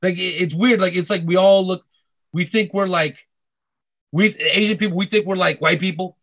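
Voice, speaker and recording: A man chatting casually on a podcast, halting with many restarts and repeated words. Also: sits high, fairly bright tone. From Korean heritage. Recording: dull lo-fi audio.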